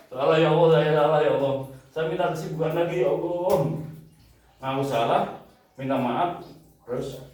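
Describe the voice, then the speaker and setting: A man giving an earnest personal testimony in a religious talk, his voice climbing high when he reenacts tearful prayers. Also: a little mellow. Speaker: spiritual teacher. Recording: very echoey room, voice from a distance.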